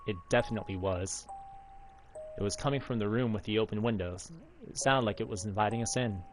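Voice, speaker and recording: A man in his thirties from Alaska, in the United States, streams himself reading a visual novel's story text aloud as narration. His voice sits on the low side and moves briskly. Faint game music plays in the background.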